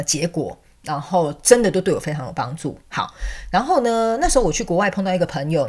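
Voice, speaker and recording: A woman with a voice tells a story to her viewers. Her voice sits fairly low and she talks quickly, chatty and animated, with lots of fillers and asides. She sounds like a counselor who reads angel cards. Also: breathy edge. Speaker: angel card reader and counselor. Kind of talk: casual storytelling monologue.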